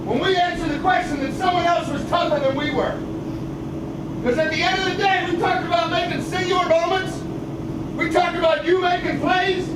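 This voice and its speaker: An American man, a football coach, giving a rousing, emphatic pregame pep speech to his team with repeated phrases. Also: very high-pitched. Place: team locker room. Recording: echoey noisy room, distant microphone.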